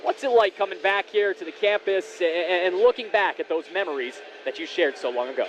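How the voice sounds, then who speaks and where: A man's voice: sits high, fairly quick. A man working as a hockey announcer and interviewer, with a polished, formal live broadcast delivery. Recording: noisy live rink broadcast.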